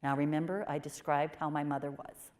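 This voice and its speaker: A woman portraying a pioneering 1830s nun, telling her story in the first person with expressive swings from emphatic to hushed. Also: low-pitched, brisk, lightly acted. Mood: earnest. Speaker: performer of a historical portrayal.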